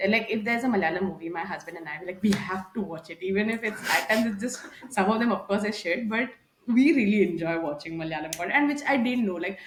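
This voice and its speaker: A woman's voice: medium pitch, quick pace, few pauses, echoey room, slight background noise. A woman from India in her thirties, a guest chatting casually and animatedly on a video call. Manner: chatty, animated, drops into Hindi asides. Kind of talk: casual conversational interview.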